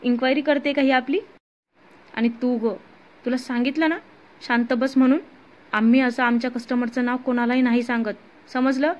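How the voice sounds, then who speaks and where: A woman voicing an irritated, bossy male gangster who snaps loudly at a captive, on a muffled lo-fi recording. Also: very high-pitched, little pitch movement, normal speed, long pauses.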